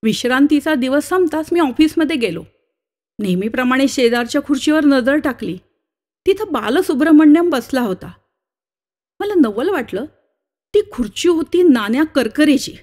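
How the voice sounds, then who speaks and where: A woman's voice: animated, normal speed, darkish tone. A woman narrating a short story aloud, voicing each character's dialogue herself. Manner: shifts pitch for different characters' dialogue.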